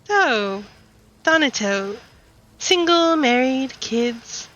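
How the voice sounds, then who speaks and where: A woman's voice: high-pitched, animated, very slow, fairly bright tone. A woman playing at a tabletop game, asking questions and repeating herself as she goes. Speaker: player. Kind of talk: in-character chat at a tabletop game. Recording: lo-fi mic.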